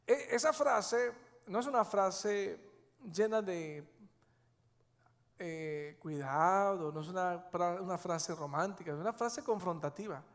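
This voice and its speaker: A man's voice: sits high, takes it slowly. A male pastor preaching a sermon, emphatic and repeating his key phrases. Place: church sanctuary. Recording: long church hall reverb.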